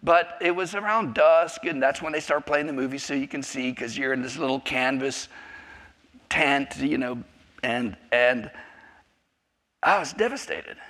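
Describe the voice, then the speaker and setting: A South African man in his fifties, a native Afrikaans speaker with an American accent, gives a personal testimony at a church class, rambling, interrupting himself and joking. His mid-range voice is a bit bright and his pace is measured.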